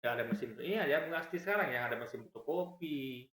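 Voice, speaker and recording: A man giving argumentative reaction commentary, explaining points over and over and swinging his pitch up and down as he talks. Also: animated, fast, a bit bright, roomy sound.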